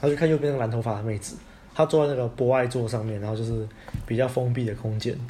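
A man with a Taiwanese Mandarin accent rattles through a story at a quick clip, casual and loose, dropping the odd swear word. His voice sits at an everyday pitch, with faint background noise underneath. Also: fairly even intonation, dark tone. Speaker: podcast co-host. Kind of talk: casual chat.

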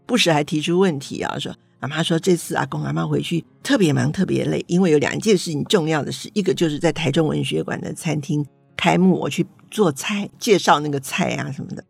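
A woman's voice: low-pitched, a little fast, gravelly, hardly any pauses, a little mellow, husky, no echo, soft background music. An older woman with a Taiwanese accent, an author chatting folksily about her grandchildren and acting out family dialogue. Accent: Taiwanese Mandarin. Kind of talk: storytelling talk.

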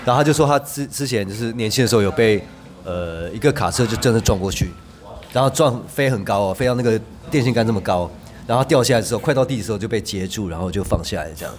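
A man, a podcast guest telling rambling, animated anecdotes with frequent restarts. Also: fairly low pitch, quick pace. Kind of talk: casual storytelling chat.

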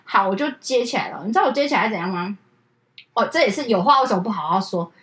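A woman's voice: medium pitch, quick pace. A woman in her thirties co-hosting a casual podcast, telling a story with energy and acting out both voices of a phone call. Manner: animated, acts out both sides of a phone call. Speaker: podcast co-host.

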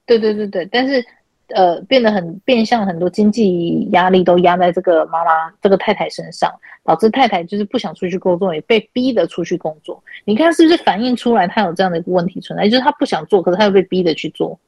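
A podcast host and spiritual counselor hosts an online chat room call, animatedly retelling client counseling sessions and acting out the quoted dialogue. She talks fast in a lowish, darkish voice, in a rough recording with no echo.

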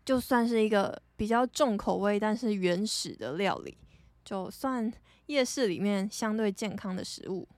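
A young woman from Taiwan with a Taiwanese Mandarin accent, hosting a podcast and telling stories casually, chatty and animated, laughing often. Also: medium pitch, normal speed, no echo. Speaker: podcast host. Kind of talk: casual storytelling monologue.

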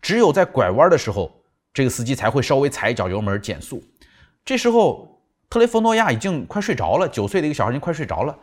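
A man recaps a memoir as a storytelling book host, voice swinging widely in pitch. His delivery is animated and keeps acting out the people in the story. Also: fast talker. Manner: animated, acts out quotes.

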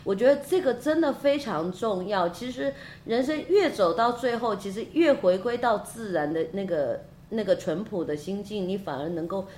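A woman hosting a podcast interview, talking in a halting way and repeating words while she looks for them. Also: medium pitch, animated, darkish tone, a little hiss or hum. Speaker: podcast host. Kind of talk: casual interview chat.

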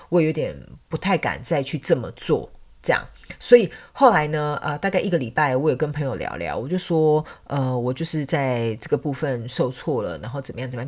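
Fast, animated low-voiced woman host. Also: breathy edge. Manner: animated, laughs easily, chatty asides. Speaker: podcast host and pet communicator. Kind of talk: casual storytelling monologue.

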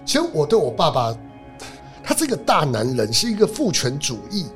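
A man, a lawyer guest telling a personal story in an interview, animated and swinging between loud and hushed. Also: fairly high pitch, brisk, faint music behind.

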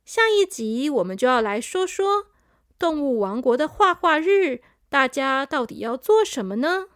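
A woman storyteller reading a children's story, gentle and speaking to young listeners. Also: high voice, sing-song, unhurried, no echo, studio quality.

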